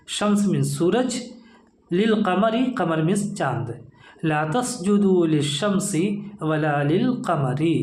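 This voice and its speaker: A man's voice: high-pitched, a little mellow. A man teaching an Arabic grammar lesson, reading each phrase aloud, then translating it word by word and naming the verb forms. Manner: repeats phrases and names each verb form. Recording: echoey room.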